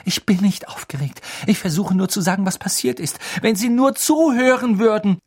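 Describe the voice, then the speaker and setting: A man's voice: high-pitched, very animated, moderate pace, husky, no room sound, clean studio sound, pitched above the performer's own voice, exaggerated voice. A man voicing an urgent, pleading teenage boy. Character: desperate teenage boy wizard.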